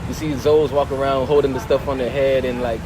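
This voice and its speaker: Soft-spoken young man, loud wind outside. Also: mid-range voice, flat delivery, a little fast. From Miami, Little Haiti. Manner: soft-spoken, says he is shy and quiet. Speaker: rapper guest. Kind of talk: casual interview chat. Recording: loud outdoor wind and traffic noise.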